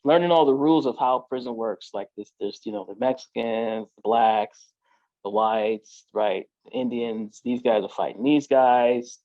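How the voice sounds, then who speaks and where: A man's voice: medium pitch, dry recording, highs cut off. A man, a podcast guest, telling his own story in casual street slang, full of "like" and "you know".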